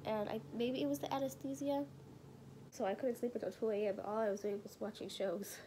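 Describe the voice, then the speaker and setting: A young woman from California rambles through a vlog update about her post-surgery recovery, filling her talk with fillers, sometimes congested and sometimes whispering. Her slightly high voice is steady, brisk, and warm. The audio is poor, with slight background noise.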